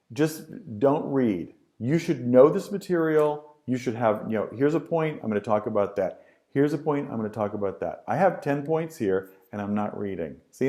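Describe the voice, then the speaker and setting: A middle-aged man teaching a class on presentation skills, emphatic and repetitive, with lively swings in his voice. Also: medium pitch. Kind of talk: lecture to students.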